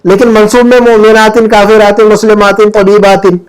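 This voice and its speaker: High-pitched male teacher, patient, asks again and again, home class. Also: little pitch movement, a little fast, clear, resonant tone. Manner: patient, drills word endings with repeated questions. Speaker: Arabic teacher. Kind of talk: grammar class.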